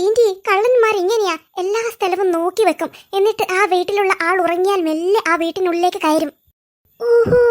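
Squeaky cartoon kids, quick bickering banter, very high voice. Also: female voice. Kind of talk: comic cartoon voice acting.

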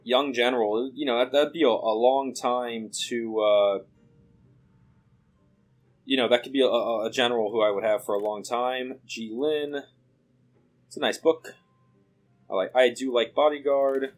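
A man's voice: medium pitch, fairly even intonation, unhurried, pauses often. A man giving casual let's play commentary, thinking aloud with lots of fillers as he weighs his options. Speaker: game commentator.

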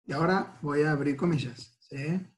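A male university lecturer with an Argentine Spanish accent walks through a recorded lesson one step at a time. His voice sits a little high for a man, and he keeps checking in with his listeners after almost every phrase. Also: moderate pace, a little hiss or hum. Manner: explains step by step, checks in with frequent "¿sí?" and "¿no es cierto?".

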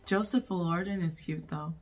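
A woman hosting a movie reaction, talking casually with loud, excitable outbursts and plenty of swearing. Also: on the low side, moderate pace, soft background music.

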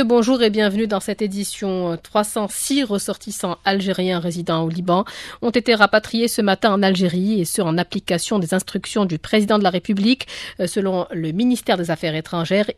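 A woman in her thirties anchoring a radio news bulletin at a studio microphone, reading in a measured, clear way. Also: mid-range voice, dry recording. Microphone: studio boom mic with headphones.

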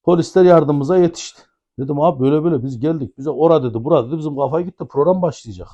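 A man's voice: fairly high pitch, racing, warm tone, lo-fi sound. A man with an Ankara accent telling a funny anecdote, animatedly acting out the dialogue. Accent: Ankara Turkish. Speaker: storyteller guest.

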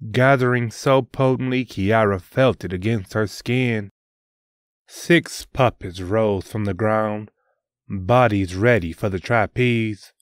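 A man hosting and narrating a scripted adventure story in a measured, deliberate reading. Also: lowish voice, clear, resonant tone, no room sound. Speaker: host and storyteller.

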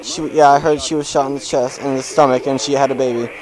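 A man's voice: medium pitch, level tone, fast talker, crowd noise, rough recording. A young man commenting on a horror game as he plays, jumpy and swearing, with panicked outbursts. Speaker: gamer. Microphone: headphones with desk mic.

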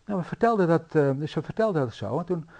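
A man preaching a sermon in a church, telling stories in a lively, anecdotal way with frequent fillers. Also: fairly high pitch, quick pace. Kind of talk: sermon storytelling.

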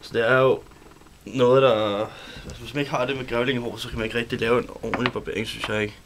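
A man from Denmark, a barber, explaining his work haltingly with many fillers while he shaves a guest in a radio studio. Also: mid-range voice, flat delivery, a bit bright, slight background noise. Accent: Danish.

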